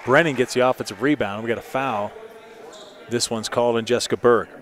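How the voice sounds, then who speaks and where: A man calling high school girls basketball play by play, quick and steady, lifting his voice on each basket. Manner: rapid play-by-play, rising excitedly on baskets. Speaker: play-by-play announcer. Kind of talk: sports commentary. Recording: loud gym crowd behind.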